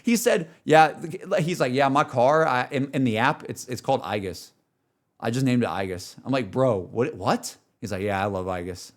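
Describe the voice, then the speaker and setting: A game streamer talks casually on a livestream about games, reflecting emotionally in an earnest, emphatic way that rambles and keeps looping back on itself. His voice sits at a medium pitch and moves at a moderate pace.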